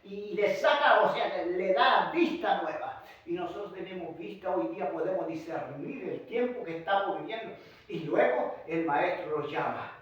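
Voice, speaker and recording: A man with a Chilean accent preaching a fervent sermon, swinging from hushed asides to shouted, sung-out lines. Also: sits high, lively intonation, normal speed, heavy reverb, distant mic, lo-fi sound. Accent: Chilean Spanish. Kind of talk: Pentecostal-style sermon. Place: church hall.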